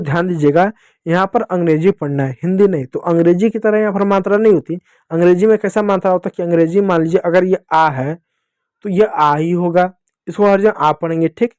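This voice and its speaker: A man's voice: high voice, darkish tone, dry recording, clean studio sound. A man teaching children English phonics, speaking to them directly and answering his own questions as he writes words out. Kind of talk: classroom lesson explaining phonics.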